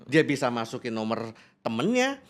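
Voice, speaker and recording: Animated man coaching on a podcast. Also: mid-range voice, moderate pace. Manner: explanatory, laughs often, acts out interview exchanges. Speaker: business coach. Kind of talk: podcast conversation.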